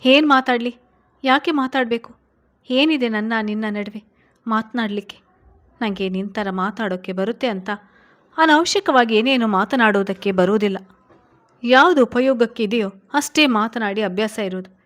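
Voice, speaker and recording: A stern young businessman husband, as a woman reads him aloud, scolds his wife harshly in a storybook reading. The voice runs a little louder than the narration. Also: on the high side, fairly even intonation, moderate pace, natural voice. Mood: stern scolding.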